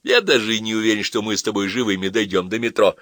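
A man's voice: on the low side, fast talker, fairly bright tone, no room sound, studio quality, natural voice. A man voicing a sardonic, mocking young man who lectures in a mock-solemn tone. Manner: jeering, preachy mock-solemn tone.

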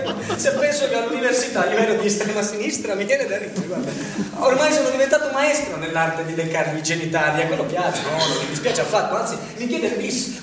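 A stage actor playing an anxious, bitter office worker who rants sarcastically with bitter laughs, in a theatre play on radio. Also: male voice, sits high, far from the mic. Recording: echoey stage sound from afar with music.

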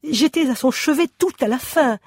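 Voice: sits high, measured pace, darkish tone, no room sound, clean studio sound, voice pushed up. A reader doing a syrupy propagandist pig. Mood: mock-sorrowful. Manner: syrupy, mock-tearful. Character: smooth-talking propagandist male pig. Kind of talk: radio drama reading. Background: music.

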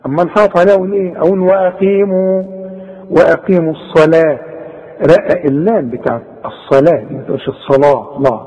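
High-voiced Egyptian man teaching recitation. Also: fast talker, darkish tone. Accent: Egyptian Arabic. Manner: drills sounds, models correct and wrong pronunciations, chiding. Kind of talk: tajweed lesson with corrections. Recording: echoey, dull lo-fi tape recording.

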